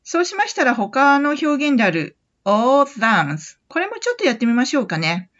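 A woman teaches English phrases in a gentle, encouraging way, her pitch moving a lot as she explains. She reads the example sentences slowly so listeners can repeat them. The recording sounds somewhat dull and lo-fi. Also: sing-song. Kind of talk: English lesson podcast.

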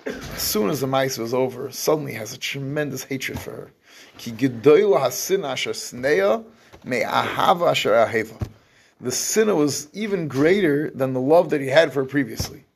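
With a creaky, medium-pitched voice and a slight hiss or hum in the background, a man teaches a scripture class. He explains verses at length in English, drops in Hebrew terms, and keeps restarting his phrases.

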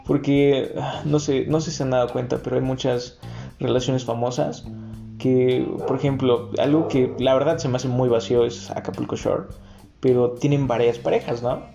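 Young Mexican man, crude joking rant; low gravelly voice, dull lo-fi recording. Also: steady tone, normal speed, mellow, soft background music. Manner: crude, joking rants with slang. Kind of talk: casual storytelling monologue.

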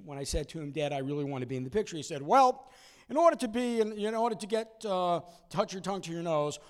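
A man in his sixties with a high-sitting voice tells a personal story with lots of animation, acting out its voices and moments.

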